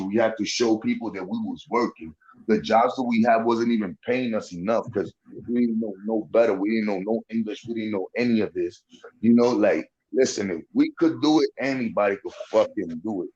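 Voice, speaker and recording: Fairly low, brisk, a little mellow and slightly rough, this forties-aged podcast host from the Dominican Republic talks casually, bluntly and profanely. He frequently tags his lines with "you know what I'm saying," and the sound is lo-fi.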